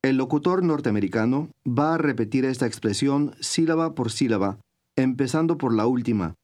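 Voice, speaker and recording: A man giving scripted instructions in a recorded language course, speaking in a clear, measured teacher's manner. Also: mid-range voice, lively intonation, a little mellow.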